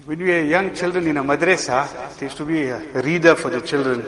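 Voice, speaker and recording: Guy giving a sermon, high voice, tells stories, acts out the quotes, big echoey hall. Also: a little fast. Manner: animated, acts out quoted characters. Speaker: preacher. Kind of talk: sermon storytelling. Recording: long hall reverb.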